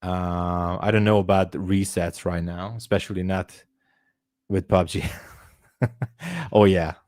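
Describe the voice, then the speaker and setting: Slow, low-voiced man from Hungary. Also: little pitch movement, darkish tone, no echo, studio quality. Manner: chatty, laughs often, thinks aloud. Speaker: livestream trading host. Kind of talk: casual live-stream chat.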